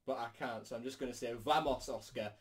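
A man's voice: mid-range voice, flat delivery, racing. Young man talking with retainers in, tired. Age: young adult. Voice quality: slightly impeded speech from wearing retainers. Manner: tired, weary. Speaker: football fan vlogger. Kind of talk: casual chat to camera. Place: small bedroom, indoors.

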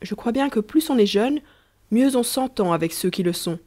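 A woman voicing a gentle, sly young peasant woman who talks soothingly and patiently to a small child in a storybook. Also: a little high, lively intonation, normal speed, voice pushed up. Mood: thoughtful.

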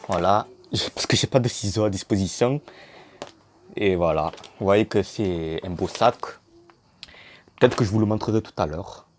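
A man's voice: on the low side, slight background noise. A young man casually unboxing a laptop in a vlog, joking and slangy. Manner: joking, slangy, slow and chatty. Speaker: YouTuber.

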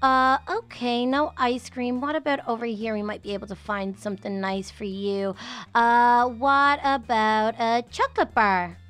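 Young woman with a high voice chatting thru a minecraft roleplay, motherly, kids music behind. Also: fairly even intonation, measured pace, a bit bright, clear, resonant tone. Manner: chatty and motherly, with gasps and lots of fillers. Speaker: YouTube role-play host. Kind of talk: Minecraft role-play narration.

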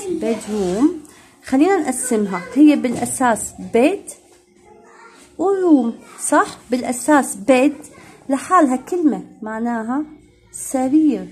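Husky-voiced woman teaching slowly. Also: fairly high pitch, darkish tone. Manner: slow, deliberate English, switching into Arabic to explain. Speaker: English teacher. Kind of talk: recorded classroom lesson.

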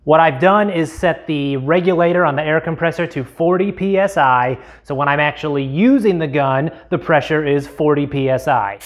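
A man's voice: a little high, normal speed, hardly any pauses. A man in his thirties hosting a tool review channel, explaining a test step by step in a plain, methodical way from a home garage on a lapel mic. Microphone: clip-on lapel mic.

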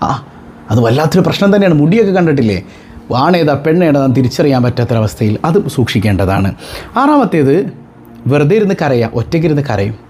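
A man, a religious teacher giving an animated talk to his followers, full of rhetorical questions and joking asides. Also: fairly high pitch, quick pace, a little hiss or hum.

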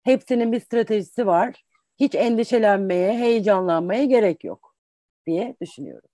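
A woman's voice: medium pitch, animated, moderate pace, mellow, no room sound, clean studio sound. A woman in her forties, an English teacher, giving patient, explanatory advice in an interview and restating points with examples. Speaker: English teacher and career guest.

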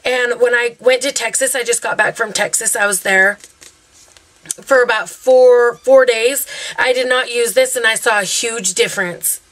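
A woman's voice: on the high side, fairly even intonation, normal speed, few pauses, pushed and bright. A young woman reviewing her favorite beauty products in a chatty, gushing way, full of fillers like "um" and "like". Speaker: beauty vlogger.

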